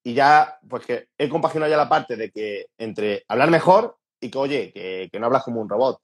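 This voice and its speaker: A man's voice: medium pitch, normal speed, husky. A man from Andalusia with an Andalusian accent, a podcast guest talking casually and informally, stumbling now and then. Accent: Andalusian Spanish. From Andalusia, Spain. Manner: relaxed, informal, stumbles at times.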